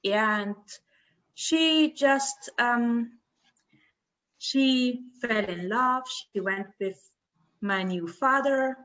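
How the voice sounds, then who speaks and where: Woman in her twenties, from the Dominican Republic, slow, halting, higher voice. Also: a bit bright, dull audio. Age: 20s. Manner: halting, searching for words, laughs often. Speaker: guest. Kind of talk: casual interview chat.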